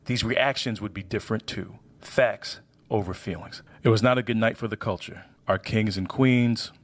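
A man delivering scripted opinion commentary with emphatic, measured phrasing. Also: on the low side.

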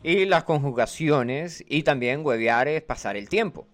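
A man's voice: measured pace, faint music behind. A man chatting casually on a radio show, explaining slang like a teacher and quoting phrases in a livelier voice. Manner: animated, teacherly, quotes phrases in a higher voice. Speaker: radio co-host.

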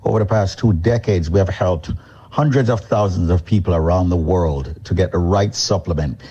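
Man from Jamaica, radio sales pitch, energetic, dark mellow tone, lo-fi. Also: moderate pace, husky. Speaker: company chairman doing an on-air promotion.

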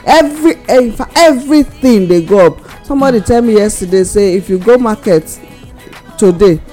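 A woman's voice: medium pitch, expressive, normal speed, warm tone. A woman with a Nigerian accent hosting a casual radio talk show in Nigerian Pidgin. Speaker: radio host. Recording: music bed under the voice.

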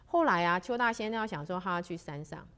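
A woman's voice: fairly low pitch, animated, a bit bright. A woman telling a religious legend in a chatty way, drawing out her sentence-end particles. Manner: chatty, with many drawn-out particles. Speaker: storyteller. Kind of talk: spoken storytelling of a religious legend.

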